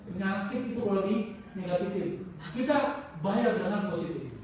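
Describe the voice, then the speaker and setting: High-voiced male religious teacher in echoey hall. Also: distant mic, a little hiss or hum. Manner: halting, searches for words mid-sentence; animated storytelling with acted-out quotes. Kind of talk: informal religious study talk. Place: mosque hall. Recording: very echoey mosque hall, heard from afar.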